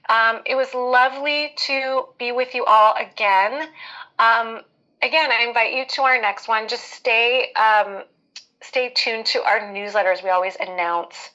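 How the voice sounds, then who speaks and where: A woman's voice: a little high, bright, forceful tone, rough recording. Woman casually thinking aloud in live Q&A. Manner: conversational, hesitant, thinking aloud. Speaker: skincare educator and practitioner hosting a live Q&A.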